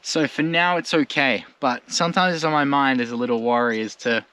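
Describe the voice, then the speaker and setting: Fairly quick and forceful, with a bright tone and mostly even intonation, an Australian man in the mid range addresses his travel-vlog audience casually, slangy and meandering. Recorded at a rural bush campsite, the audio is noisy, with birdsong behind him.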